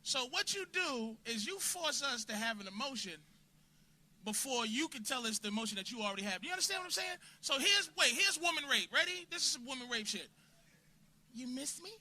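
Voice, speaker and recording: A man doing a crude, confrontational stand-up set in a comedy club, bursting into shouts at hecklers. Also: extremely high pitch, animated, fast talker.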